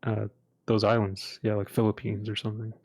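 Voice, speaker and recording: A man's voice: lowish voice, monotone, brisk, a little mellow. A man co-hosting a casual chat, easygoing and full of suggestions. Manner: easygoing, offers ideas and suggestions. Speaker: podcast co-host.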